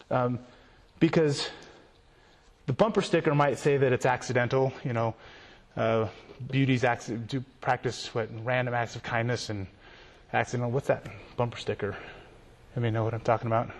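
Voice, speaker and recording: A man speaking as a youth pastor, telling stories in an animated way and often repeating himself. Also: medium pitch. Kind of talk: storytelling conference talk. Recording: long hall reverb.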